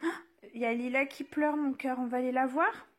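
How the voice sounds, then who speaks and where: The young mother's voice sits high, brisk and fairly even in intonation, as she records a casual home vlog on her phone in her child's bedroom. Her chatter is full of fillers, turning sing-song whenever she speaks to her small children.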